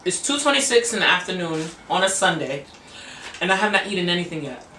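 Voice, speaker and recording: A young woman co-hosts a casual food vlog, teasing her partner and tossing in Spanish words. Her voice is bright and sharp, heard from away from the mic. The room is echoey, with a faint hiss behind her. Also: fairly low pitch, big pitch swings, fast, recorded from a distance. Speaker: co-host of a vlog channel. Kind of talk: casual chat while eating on camera.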